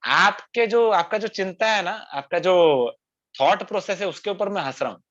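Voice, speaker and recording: A man voicing a boastful, gloating male spirit of the dark age in a retold scripture story, speaking in a taunting, boastful way. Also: high-pitched, lively intonation, normal speed. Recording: dull lo-fi sound.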